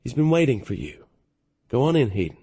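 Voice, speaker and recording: A man's voice: mid-range voice, sing-song, brisk, dark tone, slightly rough, dry recording. A man reading a tearful woman officer. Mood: sad. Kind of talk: audiobook narration.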